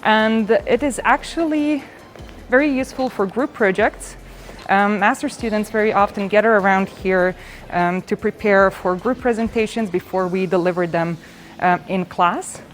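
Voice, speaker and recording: Faint music sits behind a student guide showing visitors around a university campus, outside and through large halls, in an upbeat, welcoming way. She's from Serbia, in her 20s, a native Serbian speaker, with a medium-pitched voice at a moderate pace.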